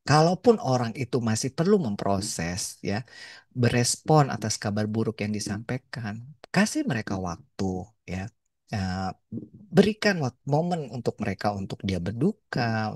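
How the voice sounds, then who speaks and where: A man's voice: fairly low pitch, sing-song, normal speed, no echo, studio quality. A man giving a conversational lecture on medical ethics, telling anecdotes and acting out quotes. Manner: chatty, storytelling, acts out quotes.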